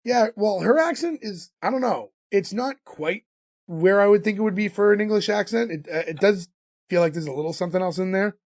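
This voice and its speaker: A man with a fairly high-pitched voice talks on a podcast in a relaxed, rambling way. He recaps a show with a loose, conversational flow and plenty of fillers, like a friend catching you up. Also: a little fast. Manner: chatty, loose retelling with fillers. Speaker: podcast co-host. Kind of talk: casual chat recapping a sitcom episode.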